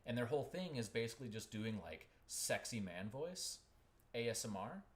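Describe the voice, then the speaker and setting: A man's voice: mid-range voice, sing-song, moderate pace. A man in his thirties, a voice actor and audiobook narrator, telling a rambling story in casual chat. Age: 30s.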